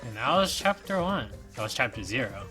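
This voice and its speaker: A man's voice: mid-range voice, a little fast, faint music behind. A man hosting a reaction video, reading a fan game aloud and voicing each character, with a sore throat. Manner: animated, switching voices for each character.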